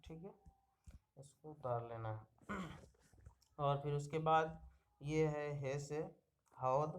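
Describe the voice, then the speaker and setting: A man teaching young pupils the alphabet in a slow screen-recorded lesson, patiently repeating each word and checking in after each one. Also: fairly high pitch.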